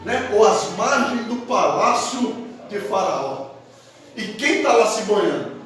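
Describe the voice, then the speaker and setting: Male pastor, lively colloquial storytelling sermon, voice on the high side, distant and very echoey. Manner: lively, colloquial, acts out characters. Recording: very echoey hall, from far off.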